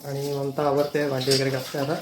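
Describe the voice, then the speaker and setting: A man's voice: medium pitch, completely flat delivery, a little fast, noisy background. A man with a Marathi accent, chatting casually off camera at home and answering in short agreeing replies. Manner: brief replies, mostly agreeing. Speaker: vlogger's husband.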